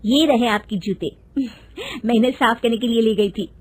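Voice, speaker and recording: Woman doing a shy young daughter-in-law, polite, quick, high-ish voice, cartoon. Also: darkish tone, slightly rough.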